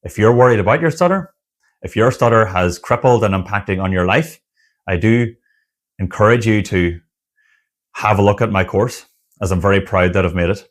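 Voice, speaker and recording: Low-voiced and earnest, a stuttering coach who runs an online community encourages viewers in a motivational talk to camera. He relies on repeated list phrases, separated by pauses.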